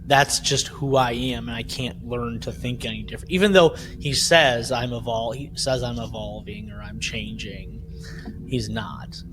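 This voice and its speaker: Recapping scenes from an audio drama in a relaxed podcast chat, this co-host keeps tagging his points with "right?" His mid-range voice holds a steady tone at an ordinary pace.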